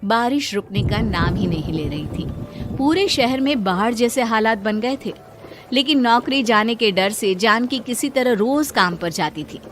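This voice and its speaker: A woman narrating a cartoon story in a steady, plain storytelling voice. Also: fairly high pitch, a little slow, music in the background.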